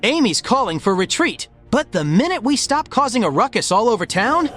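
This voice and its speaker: A man's voice: very high-pitched, very animated, moderate pace, fairly bright tone, faint music behind, heavily acted. A man voicing a cocky, kind-hearted young hedgehog hero in a comic dub, casual and slangy. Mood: urgent, focused.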